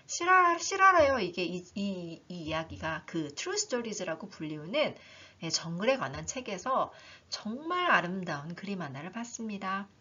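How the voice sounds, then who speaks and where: Lively woman teaching English reading. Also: mid-range voice, husky. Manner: animated, talks herself through learners' questions. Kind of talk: online reading lesson. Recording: dull lo-fi recording.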